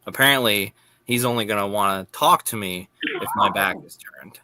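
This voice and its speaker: Male wrestler guest: deliberate, earnest promo talk, low pitch, hard bright edge. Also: no echo. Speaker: wrestling champion, panel guest. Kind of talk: in-character wrestling promo interview.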